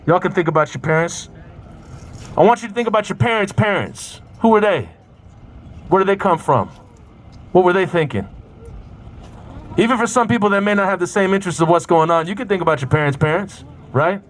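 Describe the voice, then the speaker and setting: A man speaking at an outdoor rally, guiding the crowd through a reflection and shouting chants for them to repeat. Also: sits high, animated, brisk, long pauses. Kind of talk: rally call-and-response. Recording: crowd and street noise outdoors.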